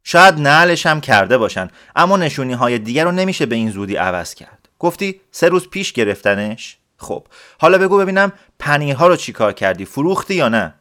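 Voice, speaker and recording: A man voicing a calm, shrewd, kindly male letter-writer who questions patiently in a storybook reading. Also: a little high. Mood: patient, coaxing. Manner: patient, coaxing.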